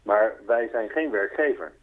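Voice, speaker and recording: A man's voice: on the low side, unhurried, background noise. A man interviewed by phone as a foundation's spokesperson, earnestly explaining and patiently clarifying. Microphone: telephone. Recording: tinny phone line, dry.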